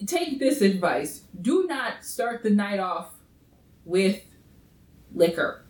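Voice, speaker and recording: A woman's voice: medium pitch, sing-song, slow pace, a little mellow, distant mic. A woman in her thirties co-hosting a podcast, chatting casually and giving blunt, profane advice to listeners. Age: 30s. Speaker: podcast co-host. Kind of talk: casual chat. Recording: roomy echo.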